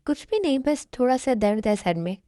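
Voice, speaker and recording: A woman voicing a gentle, hurt young wife who pleads softly, in a fan dub. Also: on the high side, lively intonation, fairly quick, dry recording, clean studio sound, natural voice. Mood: weary. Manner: soft, pleading.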